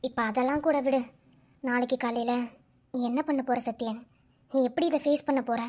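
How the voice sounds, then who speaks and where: A woman's voice: high voice, steady tone, normal speed, darkish tone, pitched below the performer's own voice. Woman doing a blunt, lecturing young man. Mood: stern.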